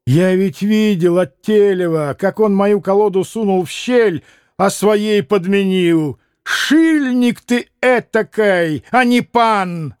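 A man reading a shrewd middle-aged innkeeper who talks in a rough, accusing, bossy way. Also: sits high, a little slow, dark tone, dry recording, studio quality.

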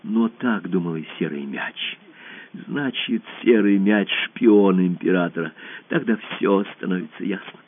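A man narrating a dramatized children's story in an expressive, theatrical way. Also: deep voice, unhurried. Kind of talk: dramatized audiobook reading. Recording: tinny phone-like radio audio.

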